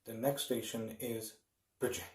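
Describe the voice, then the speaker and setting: A man making formal, measured scripted train announcements over the intercom. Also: medium pitch, little pitch movement, a little mellow. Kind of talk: scripted public address announcement. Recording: echoey, distant intercom sound.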